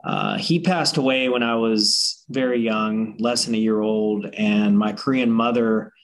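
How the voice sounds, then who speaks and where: A man from South Carolina speaking as a librarian panelist, giving a personal introduction in a steady, personal way with frequent fillers. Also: lowish voice, unhurried, poor audio.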